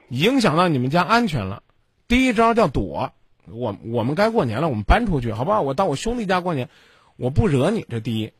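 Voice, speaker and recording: A man hosts a radio advice line, and his voice swings widely up and down as he lectures. He is blunt and scolding and cuts in constantly. The sound is husky and dry, close to the mic. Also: high-pitched, no echo. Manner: blunt, scolding, interrupts the caller. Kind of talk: call-in advice show.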